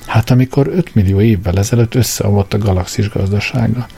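A man voicing a melancholy, politely spoken old man who talks calmly. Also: on the low side, gravelly, breathy edge, faint music behind. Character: sad, courteous, unhurried old man.

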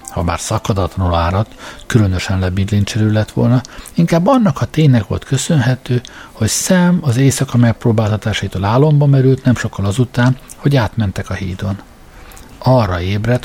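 A man narrating an audiobook in a measured storytelling manner. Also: lowish voice, warm tone, husky.

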